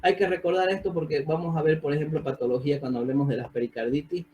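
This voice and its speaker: A man's voice: on the high side, fairly even intonation, fast, mellow. Quizzing lecturer, man, video call. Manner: asks the class questions, checks with "¿sí?". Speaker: physiopathology lecturer. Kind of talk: online medical lecture. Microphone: computer mic on a video call.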